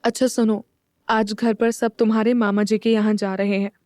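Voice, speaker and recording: A woman voicing a pouting, soft-spoken young wife in an audio story. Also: medium pitch, little pitch movement, moderate pace, no echo, clean studio sound, close to an everyday voice. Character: young wife, sulky and shy.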